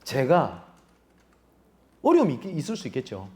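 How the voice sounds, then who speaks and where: A man's voice: medium pitch, huge pitch swings, normal speed, warm tone. A male pastor preaching a sermon, pressing rhetorical questions on the congregation. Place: church sanctuary.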